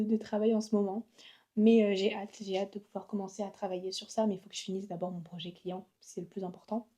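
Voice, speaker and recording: A woman's voice: medium pitch, mellow, dull audio. A young woman talking casually to camera in a vlog, chatty and upbeat, with many fillers and small self-mocking asides. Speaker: vlogger and graphic designer.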